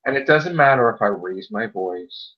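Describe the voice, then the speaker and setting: Muffled lo-fi audio captures a man co-hosting a podcast, talking casually while forcefully pressing his views and repeating points to drive them home. His voice is lowish and expressive at a normal pace.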